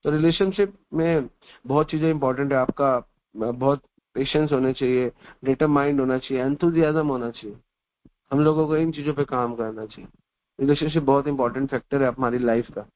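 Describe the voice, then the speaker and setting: A man's voice: mid-range voice, a little fast. Man giving a devotional talk over a call. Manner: repetitive, mixes Hindi with English phrases; chatty storytelling, chuckles. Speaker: devotional teacher. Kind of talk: spiritual discourse. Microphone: video call. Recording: dull lo-fi online call audio.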